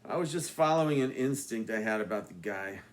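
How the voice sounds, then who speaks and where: A man, the author, reading his own book aloud with dry, deadpan asides. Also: medium pitch, fairly quick. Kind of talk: audiobook narration.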